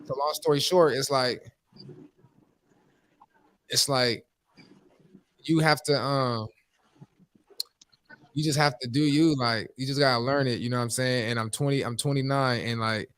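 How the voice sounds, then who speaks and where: A young man in his late twenties talks fast and rambles through a casual podcast, full of fillers and restarts. His voice sits at an ordinary pitch. The sound is dry and close, with no room around it. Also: fairly even intonation, a bit bright, smooth, no room sound. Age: 20s. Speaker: podcast host.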